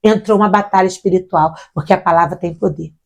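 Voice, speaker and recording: A woman's voice: fairly low pitch, fast, gravelly. A middle-aged woman, a missionary guest, telling her personal faith testimony and acting out the voices of the people in it. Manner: animated storyteller acting out quoted voices.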